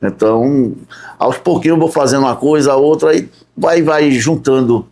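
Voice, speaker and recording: A man from Recife chats as a podcast guest. He talks at an unhurried pace, listing his jobs one by one and tagging his sentences with a questioning "né?". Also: medium pitch, darkish tone. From Recife, Brazil. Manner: unhurried, lists his work step by step with frequent "né?". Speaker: podcast guest, tourism guide. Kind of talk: casual interview chat.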